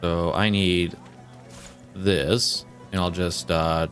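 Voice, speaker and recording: A man with a low voice gives casual commentary on a video game. He mutters and thinks aloud, with faint music playing behind him. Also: flat delivery, drawn-out words, a bit bright.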